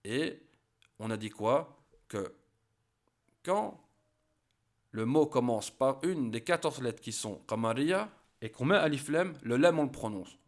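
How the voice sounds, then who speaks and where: A man at a middle pitch teaches a spoken lesson at a very slow, deliberate pace. He pronounces each example word with care and then repeats it so learners can follow along. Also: expressive. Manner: careful, repeats each word to model pronunciation. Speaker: Arabic teacher.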